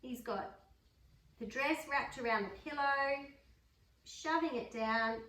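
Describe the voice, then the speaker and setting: A woman reading a picture book aloud to a dog, adding gentle chatty asides between pages. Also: a little high. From Australia. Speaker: storybook reader. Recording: roomy room, mic far off.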